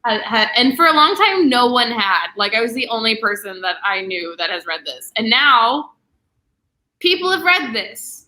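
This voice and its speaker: A young woman hosts a booktube livestream discussing books in a casual way, her fairly high voice very animated and sharp. She chatters freely, leaning on "like" and dropping quick asides.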